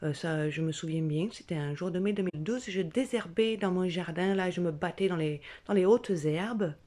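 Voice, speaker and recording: A woman's voice: fairly low pitch, moderate pace, dark tone. A woman telling a stand-up style story from her bed at home, in a put-on southern French accent, playful and exaggerated. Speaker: comedian. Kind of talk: stand-up monologue.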